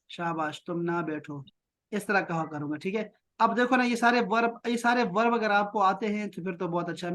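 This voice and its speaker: A man from Pakistan teaching Arabic to children in an online lesson, patiently repeating short phrases slowly and praising often. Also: high-pitched, fairly bright tone. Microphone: video call.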